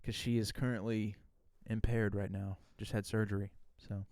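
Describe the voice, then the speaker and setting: A man in his late twenties co-hosting a podcast, easygoing in casual chat and quick with a quip. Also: fairly low pitch, little pitch movement, a little mellow, dry recording. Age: late 20s. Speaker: podcast co-host.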